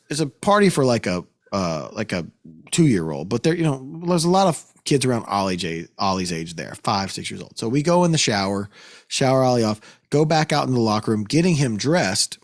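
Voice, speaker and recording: A man, a podcast host, telling a story in a casual chat, swearing often and raising his voice when worked up. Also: medium pitch. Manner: animated, profane, voice climbs when worked up.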